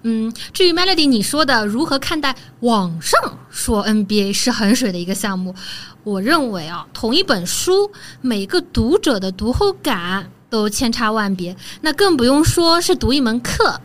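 A woman talking as a guest in a casual podcast conversation, relaxed and chatty, often ending phrases with soft particles. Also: fairly high pitch, moderate pace.

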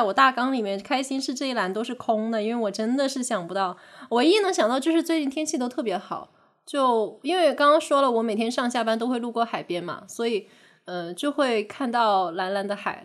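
A woman co-hosting a casual podcast chat, who speaks in a measured way and describes things in careful detail. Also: on the high side. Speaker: podcast co-host.

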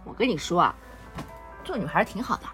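A mother's bedtime chat with her young daughter at home mixes playful teasing, frequent laughter and soothing, over soft music she plays. She speaks brisk and mid-range, with big pitch swings.

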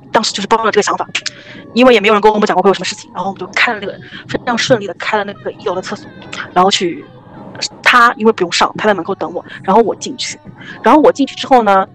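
A young woman casually telling a ghost story on a podcast, rambling and animated with many restarts. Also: medium pitch.

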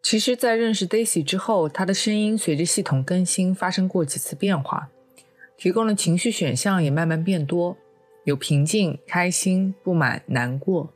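A woman hosting a narrated podcast, talking reflectively in a lowish, even voice. Soft music runs faintly underneath as she muses aloud. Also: normal speed. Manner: reflective, conversational. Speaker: podcast host. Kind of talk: narrated podcast with scripted segments.

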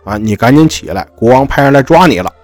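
A man's voice: medium pitch, lively intonation, fast, no room sound, soft background music, lightly acted. A man doing an urgent warning crow. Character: alert male crow, urgent friend.

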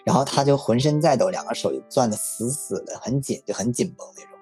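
A man casually telling a personal story in a relaxed, frank, reflective way. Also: medium pitch, fast, faint music behind. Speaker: story guest.

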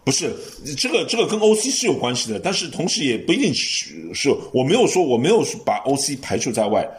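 A man hosting a casual sports podcast chat, giving long lively explanations with frequent restarts. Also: medium pitch, quick pace. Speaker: podcast host.

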